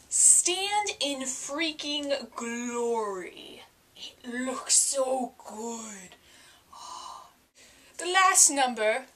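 Bright, high-voiced young woman vlogging. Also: a little hiss or hum. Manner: enthusiastic, chatty step-by-step food demo. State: talking with mouth full. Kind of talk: casual vlog. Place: home, indoors.

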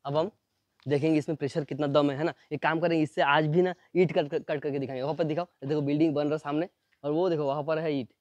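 A man doing a fast, chatty unboxing demo, pointing things out again and again as he shows each part. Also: a little high, level tone, dark tone, dry recording. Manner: fast, chatty, repeats "ye dekho" constantly. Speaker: product reviewer. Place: at home near a building site.

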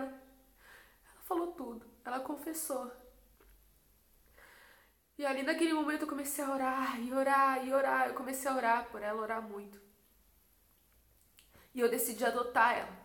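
A woman's voice: fairly high pitch, fairly bright tone. A young Brazilian woman vlogger telling a personal religious story with intense emotion and a lot of repetition. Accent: Brazilian Portuguese. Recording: echoey room.

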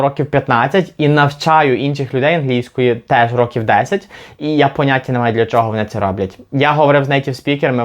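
A man from Ukraine teaching an English lesson, patiently repeating example words slowly to demonstrate them. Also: medium pitch. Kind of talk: language lesson.

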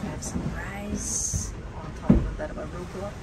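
A woman's voice: on the low side, normal speed. Woman filming on a windy sailboat. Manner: relaxed, chatty, describing the scene as she films. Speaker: sailing vlogger. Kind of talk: casual narration while sailing. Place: outdoors on a sailboat at sea, also in the cabin. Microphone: handheld phone camera. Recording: loud wind noise on phone mic. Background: loud wind and water noise.

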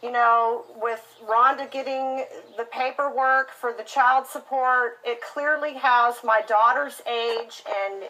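A woman's voice: a little high, steady tone, slow pace, few pauses, sharp tone, poor audio. A woman customer complaining in a heated phone conversation, indignant and insistent.

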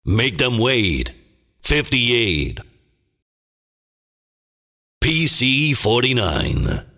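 Gravelly movie-trailer announcer calling bingo. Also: male voice, sing-song, sharp tone, heavily acted. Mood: dramatic, portentous. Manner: theatrical, deliberate, clipped phrases. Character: booming, dramatic male movie trailer announcer. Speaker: bingo caller. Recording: long booming reverb.

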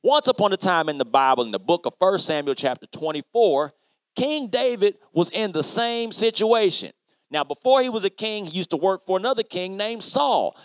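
A man playing an upbeat construction worker who tells a Bible story to children in an animated, chatty way. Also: high voice, moderate pace, no echo. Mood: lively. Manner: animated, chatty, addresses kids directly. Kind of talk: kids' Bible lesson storytelling.

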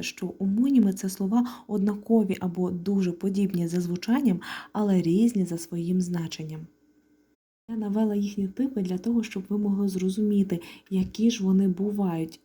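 A young woman explaining grammar in a clear, lightly joking lesson. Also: mid-range voice, warm tone. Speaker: Ukrainian language tutor. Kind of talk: exam-prep lesson.

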